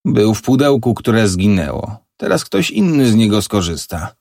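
A man's voice: fairly low pitch, sing-song, moderate pace, a little mellow, slightly rough, no room sound, clean studio sound, full character voice. A man voicing a middle-aged professor and father, agitated, emphatic and stubborn, in an audiobook. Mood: distraught.

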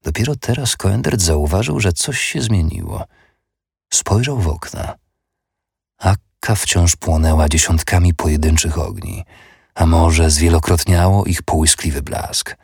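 A man narrating an audiobook in a steady, measured way. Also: deep voice, vocal fry, breathy edge, dry recording, studio quality.

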